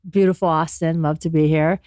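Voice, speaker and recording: Earnest, low-voiced woman in her forties. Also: steady tone, a little fast, warm tone, dry recording, clean studio sound. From born in Afghanistan, raised in America. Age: 40s. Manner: earnest, motivational, with frequent ums. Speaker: podcast guest, businesswoman. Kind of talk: reflective personal storytelling.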